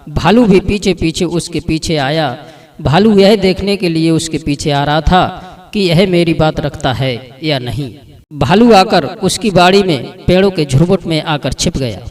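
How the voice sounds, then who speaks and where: A man narrates a folk story in a plain, steady storyteller's manner. His voice sits a bit high for a man. He sounds set back from the microphone. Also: recorded from a distance.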